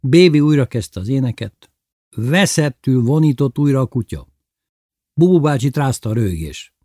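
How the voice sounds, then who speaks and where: A man narrating a story in a steady, measured audiobook reading. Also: medium pitch, no echo, studio quality.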